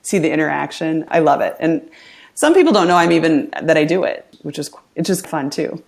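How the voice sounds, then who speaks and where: A middle-aged woman chatting as a podcast guest, upbeat and quick to laugh as she tells stories. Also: deep voice, expressive, gravelly. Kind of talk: casual interview chat.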